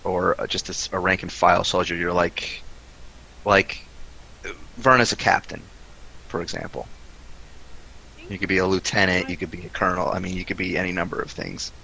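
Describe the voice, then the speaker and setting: A male game master with a fairly low, crisp-edged voice. He narrates a fantasy tabletop session in halting, improvised phrases. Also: flat delivery, bright, forceful tone, poor audio.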